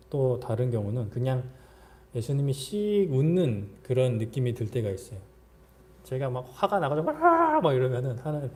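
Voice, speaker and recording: A man's voice: medium pitch, dark tone. A man preaching a sermon as pastor, speaking conversationally and acting out prayers in a raised voice. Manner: frequent fillers and restarts, occasional chuckles.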